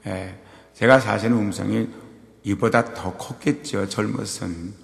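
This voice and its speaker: An older man telling a personal story in a sermon, moving between quiet asides and loud, acted outbursts. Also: lowish voice, fairly even intonation, measured pace, gravelly. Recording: long hall reverb.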